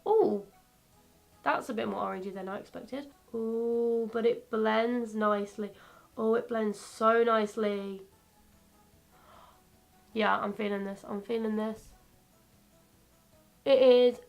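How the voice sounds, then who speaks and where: Woman, 22, beauty vlogger; higher voice, gravelly and croaky, bubbly, chatty, laughs at herself. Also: normal speed, pauses often, soft background music. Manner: bubbly, chatty, self-mocking. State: croaky, coming down with a cold. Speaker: beauty YouTuber. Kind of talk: casual makeup tutorial chat.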